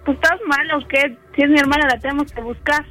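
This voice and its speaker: Here a man puts on a worried young sister in a radio prank call. She sounds very high and bright, insistent and pushy. A little music plays faintly behind her. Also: steady tone, fast talker. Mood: indignant. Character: worried young woman, the sister, pleading and scolding.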